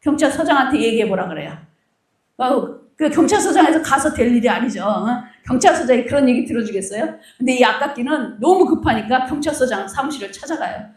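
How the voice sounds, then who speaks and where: A middle-aged woman pastor preaching with a fairly high voice, recorded from some distance in a roomy church hall. She tells her sermon story in an animated way and slips into the voices of the people in it. The room's echo hangs around every phrase. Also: a little fast. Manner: animated storyteller, acts out quoted dialogue.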